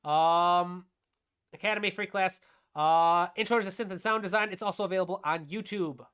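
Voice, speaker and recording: A woman's voice: fairly low pitch, normal speed, a bit bright, smooth. A woman teaching music production on a live stream, explaining her steps aloud as she demonstrates and answering her own questions.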